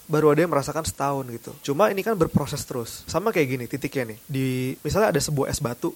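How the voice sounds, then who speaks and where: A man's voice: on the high side, animated, fast. A man, a guest on a casual podcast who explains ideas through long examples. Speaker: podcast guest, business owner.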